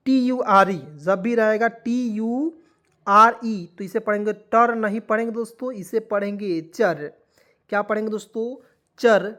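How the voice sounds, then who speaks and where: A man with a high-sitting, fairly bright voice teaches a classroom-style lesson. He spells words out letter by letter, asks listeners what they say and answers himself, repeatedly calling them friends in a patient, reassuring way.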